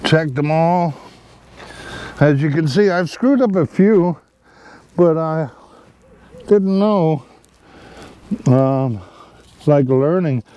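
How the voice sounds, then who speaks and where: Planting trees outside, this man talks his viewers through the job in a loose, wandering way with plenty of fillers and side comments, recorded by a camera left nearby. His voice is fairly high, dark, and clean, and he speaks extremely slowly with frequent pauses, a bit strained from his back tightening up.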